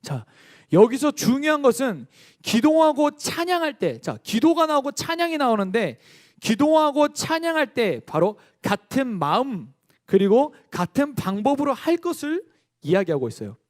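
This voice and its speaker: A man's voice: very high-pitched, moderate pace. A young man preaching a youth sermon, telling stories with energy and quizzing the young congregation. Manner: lively storytelling, quizzing the congregation. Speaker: youth pastor.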